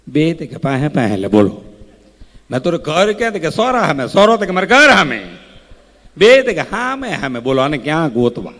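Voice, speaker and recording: Man telling rustic stage jokes in a hall. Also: medium pitch. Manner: rustic anecdotes with rising oratorical bursts. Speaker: folk comedian on stage. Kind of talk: Gujarati folk stage comedy and storytelling. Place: large hall at a community event. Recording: long hall reverb.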